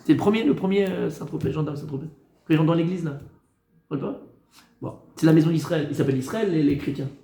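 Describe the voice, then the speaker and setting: Rabbi teaching a class, fairly high voice, asks questions then answers them, echoey room. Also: male voice, fast, dark tone.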